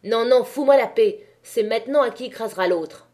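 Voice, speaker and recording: Bitter male innkeeper, proud and accusing, read by a woman in a mellow audiobook voice. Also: medium pitch, steady tone, normal speed, lightly acted. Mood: angry. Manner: heated, accusing.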